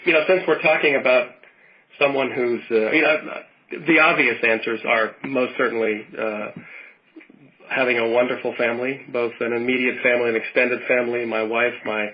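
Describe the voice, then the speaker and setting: A man's voice: mid-range voice, fairly even intonation, brisk, lo-fi sound, a little hiss or hum. A man in his fifties from Western Pennsylvania chatting casually as a podcast co-host, rambling through his thoughts with many restarts. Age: 50s. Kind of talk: casual chat.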